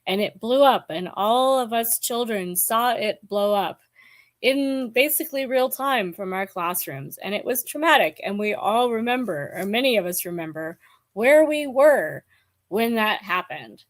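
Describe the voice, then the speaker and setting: Slow, hesitant woman in her forties. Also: a little high, lively intonation. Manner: hesitant, musing, many ums. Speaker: book vlogger. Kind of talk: casual book chat to camera.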